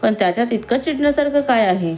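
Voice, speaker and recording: A woman voicing a timid young female employee who speaks softly and nervously, with faint music behind. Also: on the high side, expressive, fast, pitched above the performer's own voice, natural voice. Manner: soft-spoken, nervous, innocent.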